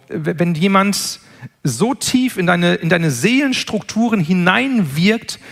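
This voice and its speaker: High-voiced, gravelly man lecturing earnestly. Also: a bit bright. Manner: measured, earnest, with frequent word repetitions. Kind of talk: spoken lecture.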